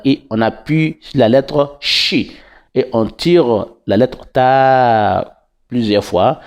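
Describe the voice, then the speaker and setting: A man teaching Quran recitation in French, breaking each verse into syllables and repeating them patiently with drawn-out vowels. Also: on the low side, a little mellow, clean tone. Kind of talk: slow syllable-by-syllable recitation lesson.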